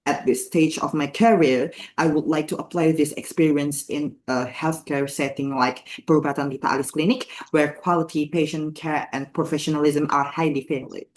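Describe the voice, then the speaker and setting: A man's voice: fairly high pitch, steady tone, normal speed, hardly any pauses. A young man with an Indonesian accent, playing a polite, formal job applicant who recites prepared answers. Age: young adult. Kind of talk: scripted job interview role-play.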